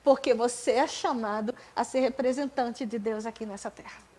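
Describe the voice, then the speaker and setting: A woman in her forties with a Brazilian accent, preaching in church, telling her own story with jokes and loud emphatic bursts. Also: on the high side, moderate pace, breathy edge, rough recording. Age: 40s. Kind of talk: sermon with personal testimony.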